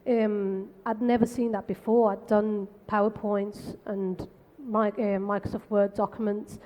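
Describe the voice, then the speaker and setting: A woman from the Canary Islands in Spain, speaking on a tech panel in a brisk, frank, self-deprecating way. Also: mid-range voice, flat delivery, mellow. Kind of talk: conversational panel talk. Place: conference stage. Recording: long hall reverb.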